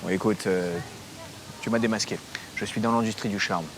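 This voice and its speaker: An actor playing a shady, guarded Russian boss in a web drama, with a Russian accent and a halting, hesitant manner. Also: male voice, fairly low pitch, steady tone, close to an everyday voice. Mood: wary, evasive. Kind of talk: naturalistic screen drama dialogue. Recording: noisy location recording.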